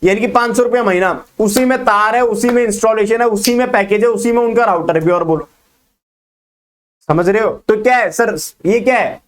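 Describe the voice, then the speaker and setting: A male teacher with a high, bright-sounding voice races through a business studies lesson in quick-fire sprinkled with terms. He keeps checking in with his students through rapid questions, in an energetic classroom lecture style that never slows down. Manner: fast-talking, quizzes students with quick questions.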